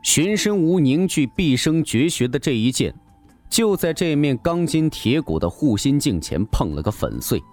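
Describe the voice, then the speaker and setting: A man's voice: on the high side, big pitch swings, moderate pace, a little mellow, soft background music. Theatrical male audiobook narrator. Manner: theatrical, suspenseful storytelling.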